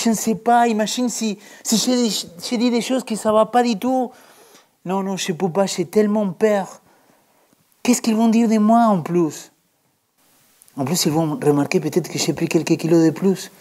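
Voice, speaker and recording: A woman's voice: mid-range voice, a little mellow, a little hiss or hum, close to an everyday voice. A woman acting out an anxious woman preacher who is afraid to speak, stammering and repeating herself.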